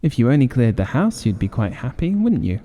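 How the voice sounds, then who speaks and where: A man's voice: medium pitch, big pitch swings, a little fast, mellow. A man voicing a teasing, sceptical son with a playful, mocking manner in an audiobook. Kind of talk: audiobook character voice. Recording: long reverberant hall-like echo.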